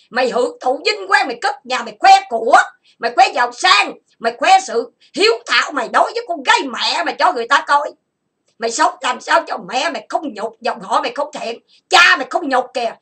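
A woman from Vietnam who hosts an online chat room, delivering an angry monologue full of insults and grievances, listed in rapid bursts. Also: high-pitched, pushed and bright.

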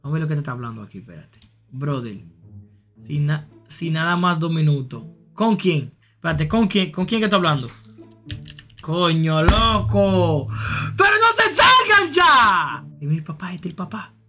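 A young man with a Dominican accent, live-streaming and reacting to chat messages, repeating phrases and jumping into high shouts. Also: soft background music. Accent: Dominican Spanish. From Dominican Republic. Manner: excitable, jumps to high shouts and back; repeats phrases in quick bursts.

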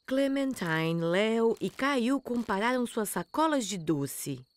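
A woman's voice: fairly high pitch, lively intonation, takes it slowly. A woman narrator reading a scripted children's story for a cartoon.

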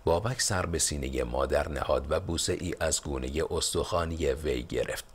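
A man narrating a historical novel as an audiobook in a measured storytelling manner. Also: very deep voice, breathy edge. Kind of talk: scripted narration.

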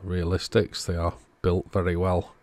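Working at an indoor workbench, an electronics repair channel host narrates a radio repair in a calm, relaxed, matter-of-fact way. His voice sits low and moves at a moderate pace, making this a narrated bench repair tutorial.

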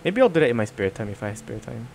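A man's voice: mid-range voice, very animated, racing, darkish tone, slight background noise. Rambling, giggly male streamer. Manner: rambling, stammering, laughs often. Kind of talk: casual let's-play chat.

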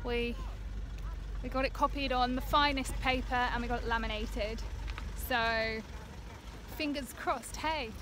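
Young Australian woman, high bright voice, chatty and giggly, selfie-cam vlog with heavy wind noise. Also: steady tone, measured pace, pauses often. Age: young adult. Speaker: sailing vlogger. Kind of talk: casual vlog chat. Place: outdoors on a sailboat and streets. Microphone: camera held at arm's length. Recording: loud wind and outdoor noise.

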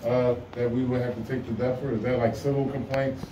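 A man's voice: mid-range voice, level tone, a little fast. Man talking casually in an echoey lobby. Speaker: citizen auditor questioning police. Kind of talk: casual conversation. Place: small indoor police station lobby. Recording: echoey, noisy, distant lobby recording.

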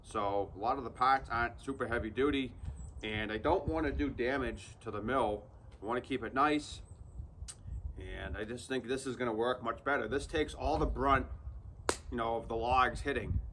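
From an open sawmill shed in the woods, a thirtysomething channel host explains a practical outdoor build in a direct, easygoing how-to vlog. His voice is medium in pitch and fairly bright, at a moderate pace, with a little hiss or hum.

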